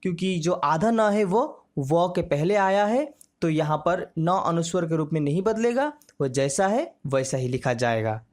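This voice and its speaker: Slow, low-voiced woman teaching. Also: lively intonation, darkish tone. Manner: slow and measured, drawing out example words. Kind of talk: grammar lesson narration.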